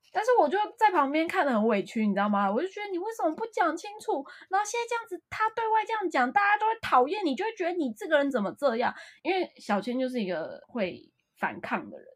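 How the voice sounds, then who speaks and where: Husky young woman, lively storyteller. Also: medium pitch. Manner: animated storytelling, emotional retelling. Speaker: podcast co-host. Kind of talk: casual podcast chat.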